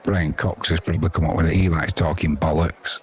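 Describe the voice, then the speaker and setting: A man with an English accent, working as a live sports commentator and host, gives casual cricket commentary that is chatty, blunt, slangy, and dry-humoured. His voice is extremely low and steady, moving a little fast.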